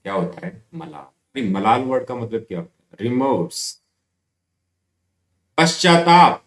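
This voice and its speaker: A man's voice: medium pitch, animated, a bit bright. Hindi-speaking male teacher, echoey room. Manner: explains slowly, asks and answers his own questions; stretches out English example sentences word by word. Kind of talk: grammar lesson for school students.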